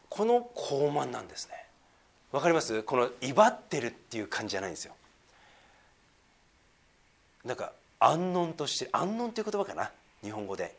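Male pastor, sermon, fairly high voice, very lively pitch, drops to near-whispers between emphatic lines. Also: gravelly. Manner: swings from emphatic to hushed, near-whispered asides; conversational, asks the listeners questions.

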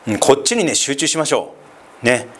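A man's voice: medium pitch, animated, fairly quick, fairly bright tone. A man from northeastern Japan, a pastor, giving a chatty, conversational sermon full of asides and tag questions. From Sendai, northeastern Japan.

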